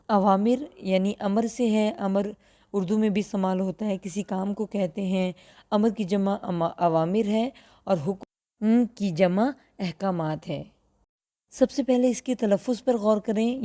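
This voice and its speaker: A woman teacher with a mellow, darker voice. She explains step by step in a patient, even tone. She slows right down to repeat each word for practice. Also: medium pitch. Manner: clear, patient explaining, slows down to drill pronunciation. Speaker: Qur'an translation teacher. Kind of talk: recorded online lesson.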